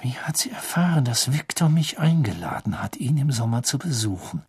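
A man reading an audiobook, voicing a clever teenage girl in a soft, hushed, confiding tone. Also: mid-range voice, very animated, moderate pace, husky, no echo, studio quality.

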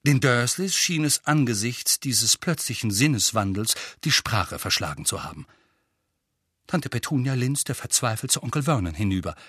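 A man narrating an audiobook with expressive, lively storytelling. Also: medium pitch, moderate pace, breathy edge, dry recording, clean studio sound.

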